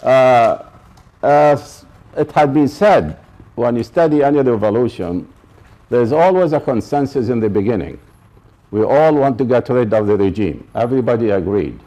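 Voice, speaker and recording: A professor from Iraq gives a public college lecture in a mellow, medium-pitched voice, animated and moderately paced. He stresses and repeats his main points and checks that the audience is keeping up.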